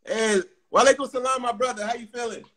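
A man's voice: very high voice, steady tone, fairly bright tone. A man in his forties hosting a livestream video call from a room indoors, talking into a phone held close, upbeat and laughing often. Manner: upbeat, quick greetings with lots of laughing. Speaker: livestream host. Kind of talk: casual video call chat. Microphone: phone at close range.

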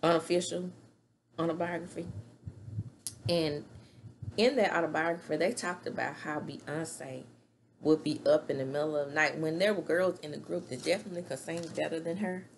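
Her voice sits low and creaky, with a steady tone and moderate pace, as this middle-aged woman chats opinionatedly through a reality-show recap. Gesturing with her hands, she records from a small room at home on a desk-distance webcam, with slight background noise.

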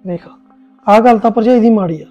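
A man's voice: high voice, brisk, dark tone, highs cut off, faint music behind, natural voice. A man playing an easygoing young husband in a joint family, placating both his wife and sister-in-law. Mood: calming. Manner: placating, peacemaking. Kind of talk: Punjabi family sketch acting.

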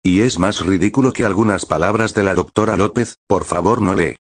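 A man reading the lines of a nervous boy sidekick in a flat, even way. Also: low voice, a little fast, slightly rough, dry recording, studio quality. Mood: annoyed.

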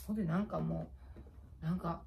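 A middle-aged YouTuber with a Kansai Japanese accent chats casually late at night while doing a face pack, rambling through stories and poking fun at herself. Her voice is fairly low and darkish, with vocal fry, a steady tone and a brisk pace.

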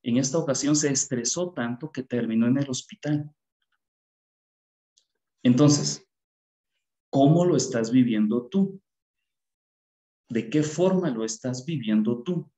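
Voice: medium pitch, measured pace, pauses often, warm tone, roomy sound. A speaker gives a parenting workshop talk with a Bible reading and keeps putting rhetorical questions to the listener.

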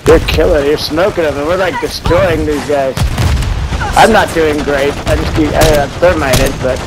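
A man's voice: fairly high pitch, normal speed. An American man with a slangy frat-bro manner, chatting casually and hyping up a friend during an online shooter. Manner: frat-bro talk, slangy, full of dude and bro. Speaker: gamer playing with a friend. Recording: loud gunfire and game noise behind voice. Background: shooter game gunfire.

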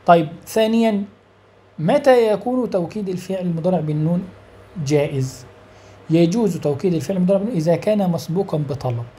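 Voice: medium pitch, animated, quick pace, dark tone, slight background noise. An Arabic grammar teacher, explaining step by step, asking questions and answering them, and stretching out example words. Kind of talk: explanatory lesson.

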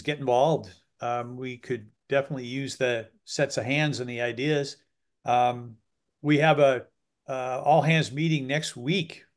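Guy hosting a webinar over a video call, easygoing and chatty, lots of ums, average pitch. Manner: loose and chatty with frequent "um" and "uh" fillers. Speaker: webinar host. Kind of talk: casual webinar moderating.

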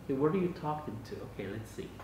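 An older man hosts a home vlog in his dining room, chatting casually while testing a gadget. His mid-range voice is rapid-fire with lively intonation, picked up by a camera mic across an echoey room with faint noise.

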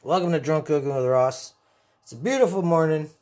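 This fifties-aged vlogger chats loosely to the camera about home cooking, goofy, foul-mouthed, tipsy and prone to giggles and repetition. His voice sits on the high side, slightly mellow, and he speaks briskly. The sound comes from a phone in the kitchen, handheld at first and then propped close by.

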